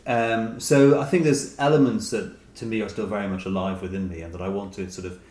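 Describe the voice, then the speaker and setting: A short story writer from Dublin, Ireland, in his late forties, is interviewed and reflects hesitantly, thinking aloud and hedging with "sort of." His voice is lowish and darkish, fairly even in intonation, and a little fast. The recording has a roomy echo and noticeable background hiss.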